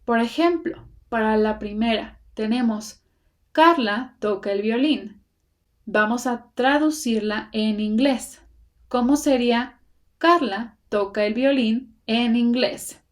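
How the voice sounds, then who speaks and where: A woman teaches an English grammar lesson in Spanish, patiently explaining step by step. She pronounces the example sentences slowly and carefully, in a voice on the high side.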